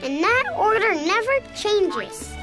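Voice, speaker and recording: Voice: very high voice, sing-song, takes it slowly, music in the background, heavily acted. An actor voicing a young, eager and helpful kangaroo child in a children's cartoon. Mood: helpful, thoughtful.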